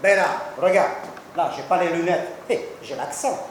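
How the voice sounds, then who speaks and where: A man's voice: high-pitched, normal speed, noisy background, close to an everyday voice. A man doing a vain Italian-accented film star. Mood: playful. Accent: put-on Italian. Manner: emphatic, exclaiming, stubborn, playful. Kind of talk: live comedy sketch. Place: stage at a resort show. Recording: very echoey live stage.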